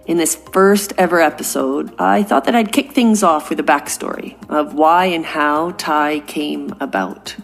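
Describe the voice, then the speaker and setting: This scripted podcast monologue comes from a Canadian host in her forties sharing a personal story in an earnest, reflective way. Her low-pitched, creaky voice is unhurried yet hardly pauses, over soft background music.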